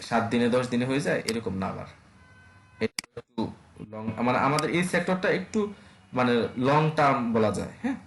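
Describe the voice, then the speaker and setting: A man gives an online web design lesson at a brisk clip. He talks casually and keeps checking that his students follow. His voice sits in an echoey room with a faint hum of ambience behind it. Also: mid-range voice. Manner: casual, rapid, full of fillers and checks on students. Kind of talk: online class lecture.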